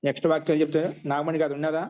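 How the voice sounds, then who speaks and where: A man teaching Sanskrit grammar in an online class, repeating each phrase slowly so students can write it down. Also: a little high, flat delivery, a little mellow, a little hiss or hum.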